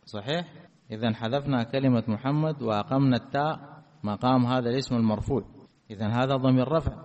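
A man teaching an Arabic grammar lesson. He keeps asking his students check questions and slows down to stress each example word. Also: medium pitch, a little mellow. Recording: reverberant hall, dull lo-fi sound.

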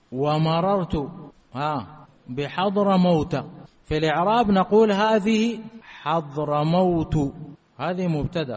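A man giving a classroom grammar lesson. He keeps asking whether his students have understood, and he repeats key words slowly. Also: fairly high pitch, a little mellow, highs cut off. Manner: checks understanding with repeated questions. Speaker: grammar teacher.

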